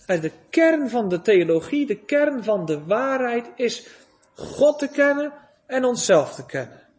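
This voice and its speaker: High-pitched, slow, solemn male preacher. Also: big pitch swings, a little hiss or hum. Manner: slow, solemn preaching with long pauses, swelling on pleas. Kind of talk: sermon.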